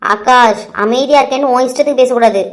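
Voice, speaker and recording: Casual: woman doing strict bossy cartoon mom, scolds fast, a bit high voice. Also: natural voice. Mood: stern. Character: stern domineering middle-aged mother. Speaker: mother of the hero. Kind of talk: cartoon voice acting.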